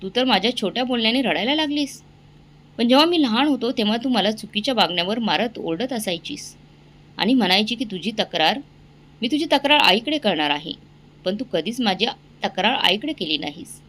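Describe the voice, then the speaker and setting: A woman's voice: fairly high pitch, lively intonation, fairly quick, fairly bright tone. A woman voicing a remorseful young man pleading emotionally with his family.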